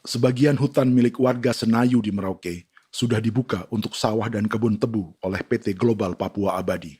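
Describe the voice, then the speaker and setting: A man reading a scripted news documentary narration in a measured, even way. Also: fairly low pitch, husky.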